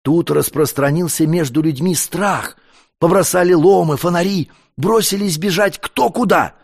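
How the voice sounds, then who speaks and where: Flustered old servant, stammers, rises in pitch when scared, as a narrator puts him on. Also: male voice, normal speed, vocal fry. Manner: stammering, breathless reporting. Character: terrified stammering old household butler.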